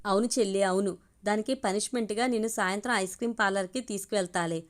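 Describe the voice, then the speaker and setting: A woman's voice: medium pitch, quick pace, lightly acted. A woman voicing a young man who grumbles and jokes at his younger cousin in a spoken audio story. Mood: soothing.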